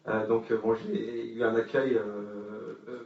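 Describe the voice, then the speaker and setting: A man's voice: lowish voice, fairly even intonation, slow, creaky. A man giving a talk at a forum, telling an anecdote with humor and many hesitations. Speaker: speaker at a forum. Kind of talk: conference talk. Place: conference hall with audience. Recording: far-off echoey hall, dull sound.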